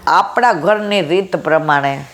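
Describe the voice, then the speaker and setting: Low-voiced and measured, a satsang speaker gives a devotional talk over slight background noise. She lovingly calls her audience "my dear" as she recounts a conversation in a storytelling manner.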